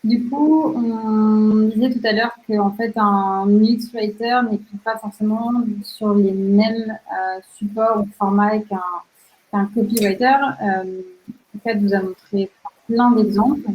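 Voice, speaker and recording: Young woman presenter, steady and measured, on a dull lo-fi line. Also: medium pitch. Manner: measured, with frequent fillers. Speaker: UX writer presenting. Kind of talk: casual presentation to an audience. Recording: slightly dull lo-fi sound.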